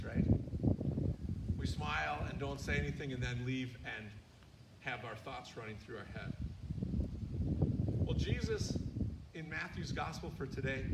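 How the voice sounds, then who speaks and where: A Midwestern pastor with a fairly high voice preaches in an easy, chatty way and keeps asking his congregation questions. He sounds distant from the mic in echoey outdoor sound. Loud noise and passing traffic run underneath. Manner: plain-spoken, asks listeners questions, frequent ums. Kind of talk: casual conversational sermon. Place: outdoor church courtyard service.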